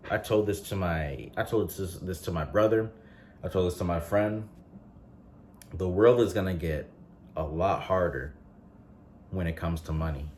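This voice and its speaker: Male vlogger, late twenties, very low voice, casual filler-heavy chat, faint background hum. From North Carolina. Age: 20s. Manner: relaxed rambling with frequent fillers and restarts.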